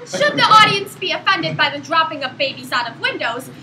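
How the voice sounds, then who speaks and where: A woman performing a comedy skit, narrating mock instructions with a brisk delivery. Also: very high voice, very animated, background noise. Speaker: student performer.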